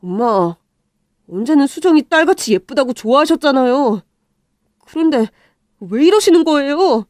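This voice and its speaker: An earnest teenage boy voiced by a woman pleads in a radio drama. The voice sits a little high for a lad and sounds dry and close, with no room around it. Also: expressive, moderate pace, long pauses, a little mellow, no room sound. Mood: pleading. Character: earnest teenage boy defending his girlfriend.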